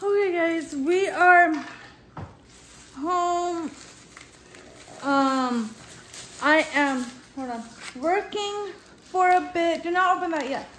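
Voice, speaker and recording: A woman's voice: very high voice, slow pace, pauses often, slight background noise. A woman in her thirties talking casually to camera in her living room, sounding tired and winding down her day. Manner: relaxed, tired, talking to her dogs between remarks to camera. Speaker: vlogger. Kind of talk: casual vlog talk. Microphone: phone camera at arm's length.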